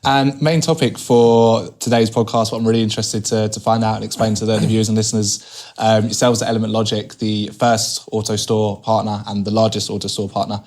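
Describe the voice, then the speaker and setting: A man's voice: lowish voice, little pitch movement, fairly quick, a little mellow. A man hosting a podcast interview at a trade fair, friendly and stumbling a little as he asks his questions. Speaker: podcast host.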